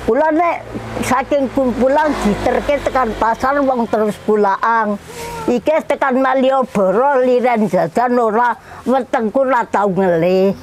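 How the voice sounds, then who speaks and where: A woman's voice: a little high, a little slow. A very old woman with a Yogyakarta Javanese accent reminisces in an interview, rambling from one plain-spoken story to the next. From Kulon Progo, Java, Indonesia. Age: very old, elderly great-grandmother age. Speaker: elderly interviewee. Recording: noisy field recording with vehicle ambience.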